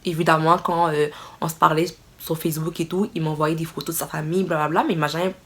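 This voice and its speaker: Expressive woman telling a story. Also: low voice, fast talker. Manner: expressive, exclaiming, dramatic retelling. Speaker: vlogger. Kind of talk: casual storytime monologue.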